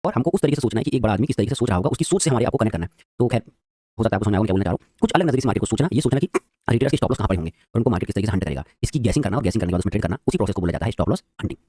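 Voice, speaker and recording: A man teaching a live trading lesson, quizzing his viewers and talking very quickly. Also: lowish voice, expressive, dark tone, dry recording, studio quality.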